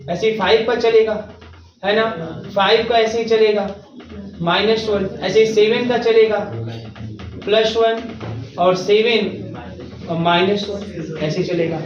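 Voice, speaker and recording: A male math teacher giving a classroom lecture, talking students through each step with reassuring check-ins. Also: very high voice. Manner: reassuring, repeats checks like "theek hai na". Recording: roomy, distant, dull recording.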